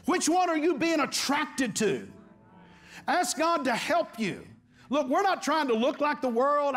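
A middle-aged pastor with a strikingly high voice preaches from a church stage. He drives his points home by repeating his phrases and calling out for amens and hallelujahs from the congregation. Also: a bit bright. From Texas. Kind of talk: sermon.

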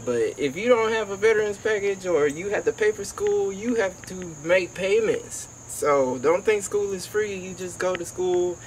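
In a low-quality recording with a little hiss or hum, a young man from Georgia in the United States talks outdoors by a house. An HVAC technician and vlogger, he uses emphatic, casual slang in a motivational style, his high voice sing-song at a moderate pace with few pauses.

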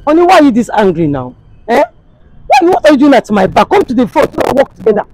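A woman's voice: on the high side, very animated, fast, a little mellow, faint music behind, low-quality recording. A young woman with a Nigerian, West African accent playing an exasperated, pleading wife in a comedy skit. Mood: impatient, coaxing. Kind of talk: naturalistic comedy skit acting. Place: outdoors on a street.

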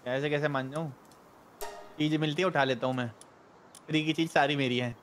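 Young male co-player, slightly high voice, cheeky wisecracks, faint hiss behind. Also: fairly even intonation, a little fast, fairly bright tone. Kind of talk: casual gaming chat.

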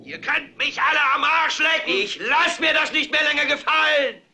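An actor playing a weary, furious news anchor who lectures his viewers on air and whips them into shouting, in a dubbed film drama. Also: a little high, lively intonation, fast, exaggerated voice. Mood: ranting, rousing. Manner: builds from grim brooding to hoarse shouted commands. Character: weary middle-aged male TV anchor, furious and rousing.

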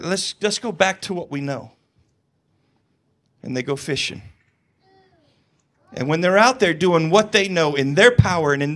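Animated high-voiced male pastor. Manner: animated, conversational storytelling with humor. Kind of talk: sermon.

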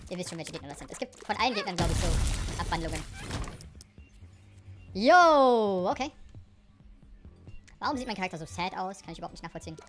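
A woman giving let's play commentary on a game, excitable, shrieking at danger, then dropping to low mutters, with English phrases sprinkled in. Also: fairly quick, pauses often, soft background music. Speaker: gaming YouTuber.

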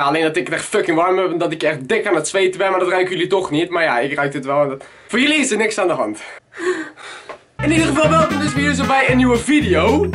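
A young man with a Dutch accent, vlogging casually in a jokey, animated way and swearing often. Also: extremely high pitch. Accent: Dutch (Netherlands). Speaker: YouTuber. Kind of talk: casual vlog. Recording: background music under the voice.

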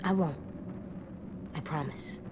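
A woman's voice: low-pitched, slow pace, noisy background. A woman voicing an earnest, stubborn little boy survivor, pleading in a dramatic video game. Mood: solemn.

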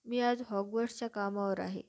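A woman voicing a huge, kindly male gamekeeper who talks loudly and plainly. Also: medium pitch, steady tone, brisk, natural voice. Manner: loud, homely and plain-spoken.

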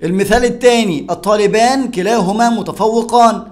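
Egyptian male teacher, brisk and high-pitched, walks through grammar examples one by one. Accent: Egyptian Arabic. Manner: explains step by step, asks and answers his own questions. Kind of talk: grammar lesson.

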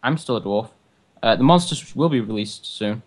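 A man's voice: medium pitch, expressive, moderate pace. A man hosting a gaming video, giving casual commentary and chatting with another player over voice chat. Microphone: voice chat call while gaming.

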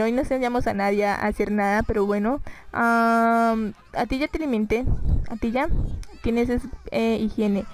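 A woman chats through a life-simulation game at her computer microphone. Her voice sits a little high, and she sounds chatty and exasperated as she comments on the play. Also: darkish tone, rough recording. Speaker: gaming YouTuber. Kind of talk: casual let's-play commentary.

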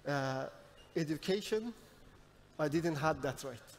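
A young man who grew up in Iran, moderating a live panel on a large stage with a headset mic, speaking in a hesitant, halting way with many fillers. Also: on the high side, expressive, slight background noise.

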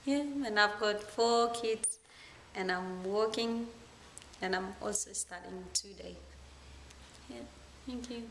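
A woman in her thirties from South Sudan speaks slowly and a little shyly. Her voice sits in the middle range, heard with roomy echo and faint hiss. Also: mid-range voice, steady tone, gravelly, a bit bright. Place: indoor room, plain wall.

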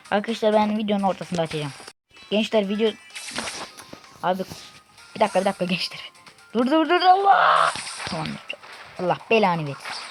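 A woman doing casual gameplay commentary from her room, excitable and cursing at teammates. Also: mid-range voice. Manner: excitable, swears and shouts at teammates. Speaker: gaming YouTuber. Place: own room at home. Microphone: faulty desk microphone. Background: loud game music.

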